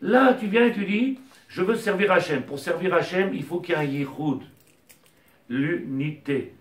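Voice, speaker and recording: A man's voice: sits high, unhurried. Impassioned man teaching in an echoey room. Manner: impassioned, rises to near-shouting, mixes Hebrew terms. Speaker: rabbi teacher. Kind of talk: Torah lesson. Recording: echoey room, mic at a distance.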